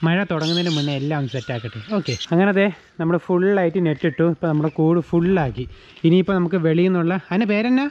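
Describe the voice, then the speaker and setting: A man from Kerala chatting casually as he shows off his backyard aviary outdoors, talking to his birds and helpers while his throat is sore from talking loudly. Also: on the high side, rapid-fire, dull audio. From Kerala, India. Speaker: aviary vlogger. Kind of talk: casual vlog narration. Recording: loud rain noise outdoors. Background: rain and birds.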